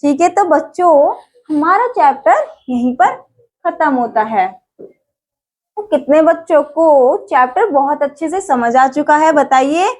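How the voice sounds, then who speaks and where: A woman's voice: high-pitched, expressive, measured pace, darkish tone. A woman teaching young children in a coaxing, questioning way, asking things and answering them herself. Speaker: online school teacher. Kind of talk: children's English vocabulary lesson.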